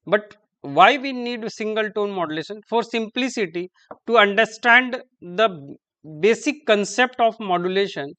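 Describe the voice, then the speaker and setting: A man giving a classroom lecture, halting and repeating terms as he writes on the board. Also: high-pitched, expressive, bright, forceful tone, smooth.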